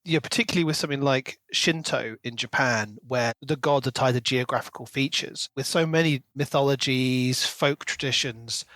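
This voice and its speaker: A podcast co-host discusses a book in a casual, analytical way, sounding articulate, reflective and conversational. His mid-range voice is slightly bright and moves at a normal pace with few pauses. There is no echo.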